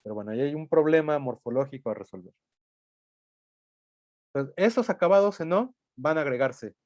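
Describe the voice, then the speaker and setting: A man's voice: on the high side, expressive, brisk, a little mellow, dry recording. Dry-voiced man lecturing. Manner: explanatory, thinks aloud, frequent tag questions. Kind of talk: recorded lecture.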